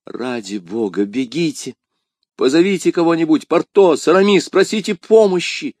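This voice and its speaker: A man's voice: lowish voice, sing-song, fairly quick, a little mellow, no room sound, studio quality. A man voicing a passionate young swordsman who cries out in urgent alarm. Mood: frantic. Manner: urgent, crying out. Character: passionate young male swordsman, frantic and desperate.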